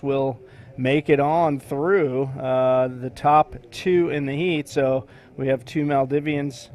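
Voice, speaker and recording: A man commentating live on a surf contest, his voice sitting a little high for a man. He talks in a relaxed, chatty way and drops surf slang as he calls the waves.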